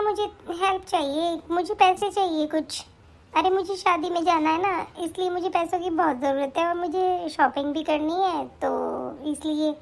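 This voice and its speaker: A woman voicing a hurt, pleading young bride. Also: very high voice. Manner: pleading, tearful complaining. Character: young daughter-in-law Lakshmi, upset, needing money. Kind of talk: animated story voice acting.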